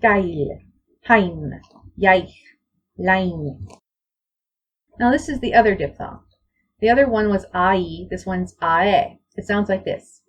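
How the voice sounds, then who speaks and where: A woman lecturing on pronunciation over slides, reading example words out one by one, slowly and deliberately. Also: medium pitch, dull audio, a little hiss or hum. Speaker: language teacher.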